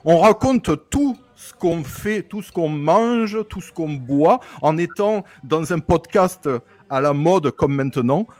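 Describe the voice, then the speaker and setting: Cheeky man with a high voice. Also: expressive, takes it slowly, few pauses, darkish tone, dry recording. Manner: mock-grand, cheeky, crude jokes. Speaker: guest co-host of a cooking podcast. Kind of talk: playful podcast chat.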